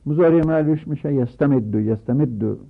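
A man with a gravelly, husky voice teaches a grammar lesson, running through verb conjugations one form after another. The audio is thin and phone-like. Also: medium pitch, steady tone. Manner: recites verb forms in rapid lists.

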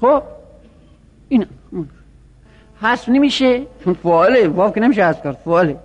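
A man with a high voice lectures on grammar, asking rhetorical questions and answering them himself. His voice rings out with a long reverb, as if in a big hall. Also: lively intonation, lo-fi sound. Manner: explanatory, rhetorical questions, speaks for the word itself. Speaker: Arabic grammar teacher. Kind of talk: classroom lecture on Arabic morphology.

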